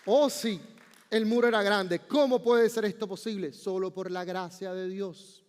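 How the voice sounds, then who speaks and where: High-voiced preaching man in a reverberant church. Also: steady tone, a little slow, a little mellow, some chatter behind. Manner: preaching with rising emphatic outbursts. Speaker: pastor. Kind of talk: sermon. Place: church sanctuary.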